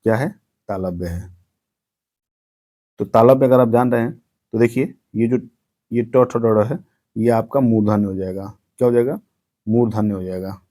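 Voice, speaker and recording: A man's voice: fairly low pitch, normal speed, pauses often, dark tone. A young man teaching an exam-prep grammar lesson with a north Indian Hindi accent, asking each question and then repeating the answer for drilling. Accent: Hindi-speaking north Indian.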